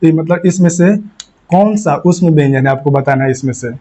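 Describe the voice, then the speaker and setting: A man's voice: a little high, brisk, mellow. A man teaching an exam-focused Hindi grammar lesson, repeating key points and quizzing his students. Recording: muffled lo-fi recording.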